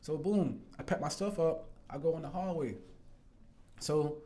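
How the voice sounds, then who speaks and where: A man's voice: on the high side, measured pace, mellow. Rambling, earnest man telling a testimony. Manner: rambling, repeats fillers and "bro", restarts often; earnest, swears the story is true. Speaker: storyteller sharing a faith testimony. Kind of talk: casual spoken testimony.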